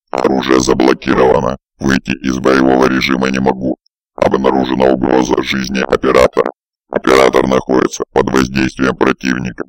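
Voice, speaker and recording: A man voicing an emotionless male combat robot that speaks in gravelly, clipped monotone reports for an audiobook. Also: a bass voice, no room sound, voice pushed down. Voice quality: gravelly, creaky. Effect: heard through the robot's external speaker. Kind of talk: audiobook narration.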